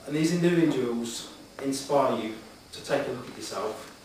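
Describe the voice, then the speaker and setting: A middle-aged man speaks earnestly and a little hesitantly, answering formal interview questions. His voice rings around a very echoey hall, picked up from a distance with clear noise behind it. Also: mid-range voice, moderate pace, darkish tone. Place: echoey meeting room, addressing the room.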